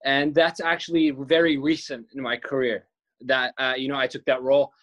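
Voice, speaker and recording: A young Palestinian filmmaker, appearing as a guest on a podcast, tells his story earnestly and often restarts his words. His voice is medium in pitch and a bit bright, with a level tone and normal speed.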